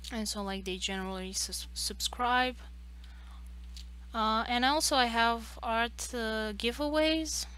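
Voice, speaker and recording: A woman's voice: fairly high pitch, slow, fairly bright tone, smooth. A woman in her late twenties chatting casually on a livestream, hesitant and rambling as she talks. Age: late 20s. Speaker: streamer and artist.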